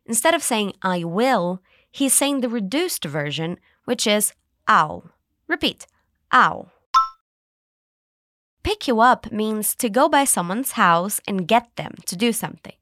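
Woman host, English teacher, animated pitch, dry close mic, spells out phrases slowly. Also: dry recording. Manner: cheerful, slow model phrases to repeat. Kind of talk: scripted language lesson.

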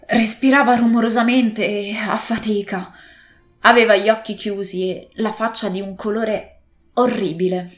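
A woman's voice: medium pitch, normal speed, soft background music. Woman narrating a classic adventure tale. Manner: steady, expressive storytelling. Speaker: audiobook narrator. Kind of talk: scripted narration of a classic novel.

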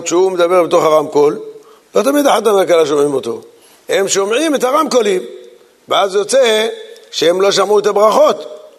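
Rabbi teaching a law class, high gravelly voice, big echoey hall, acts out the folks in his stories.

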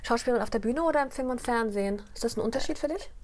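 A woman's voice: a little high, rapid-fire, a little mellow. A woman with a slightly raised voice co-hosts a casual podcast. She mostly listens and affirms, then steps in with curious follow-up questions. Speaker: podcast co-host. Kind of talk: casual conversation.

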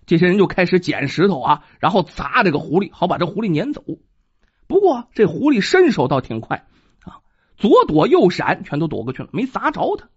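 A storyteller telling a folk tale in a lively, dramatic manner, with spoken sound effects, on a dull lo-fi recording. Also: medium pitch, fairly quick, slightly rough. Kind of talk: traditional oral storytelling.

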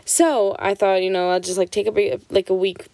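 A woman's voice: mid-range voice, little pitch movement, normal speed, mellow, no echo. Rambling, foul-mouthed young woman podcaster. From Switzerland. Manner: rambling, profane, restarts often. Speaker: podcast host. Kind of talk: casual solo podcast chat.

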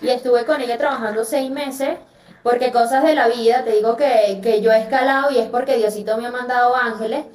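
A woman from Venezuela with a Venezuelan Spanish accent, telling her own story as a podcast guest in a lively way, acting out the voices she quotes. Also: on the high side, fairly quick. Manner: lively, acts out quoted voices, many fillers. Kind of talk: animated personal storytelling. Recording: roomy, distant mic.

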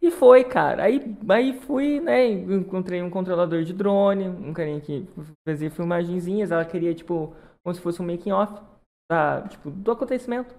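A man's voice: high voice, moderate pace, vocal fry. Man telling a funny story. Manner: animated anecdote-telling, laughing often. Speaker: wedding photographer. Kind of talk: casual storytelling chat.

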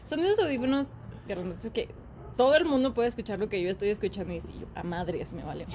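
A woman's voice: mid-range voice, animated, fast talker, darkish tone, a little hiss or hum. A woman with a Mexican accent, a guest who makes memes, talking casually and joking about herself. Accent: Mexican Spanish. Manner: casual, slangy, self-deprecating. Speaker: guest, meme illustrator. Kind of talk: casual interview chat.

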